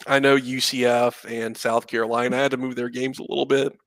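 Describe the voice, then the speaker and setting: Guy in his 30s rambling about college football, kinda gravelly voice, lots of ums and you knows, mid pitch. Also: little pitch movement, fairly quick, a bit bright, no echo. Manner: rambling, conversational, many fillers and asides. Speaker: podcast co-host, Florida fan. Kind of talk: casual sports chat.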